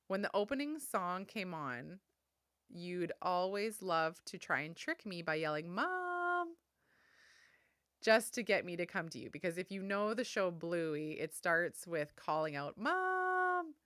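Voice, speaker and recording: A woman in her thirties hosts a solo podcast, talking close to the mic in a soft, tender, heartfelt way. Her voice sits a little low for a woman but has a bright, clear edge. The sound is dry, with no room around it. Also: animated, normal speed, no echo. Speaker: podcast host.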